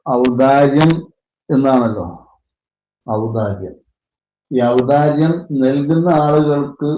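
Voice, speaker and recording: A man with a Malayalam accent, working as a religious teacher, slowly explains the grammar of a classical Arabic poem and parses it word by word. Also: medium pitch, warm tone, muffled recording. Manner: slow, deliberate parsing with Arabic terms. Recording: echoey room with faint noise.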